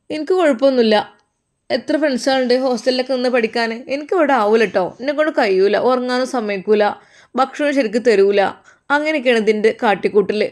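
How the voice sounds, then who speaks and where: A tearful, accusing young wife from a storybook, as a woman puts her on, whining in a Malappuram Malayalam accent. Her voice sits high and soft, quick to protest. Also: lightly acted. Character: young complaining daughter-in-law, woman.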